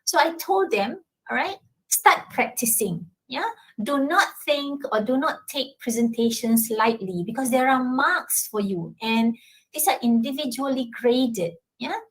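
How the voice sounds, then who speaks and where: The speaker is a university lecturer, a woman with a Malaysian English accent responding to questions at a talk. She uses lively intonation in a high, somewhat bright voice with a breathy edge, speaking unhurriedly. Tag questions like "yeah?" and "all right?" come often, and the audio quality is poor.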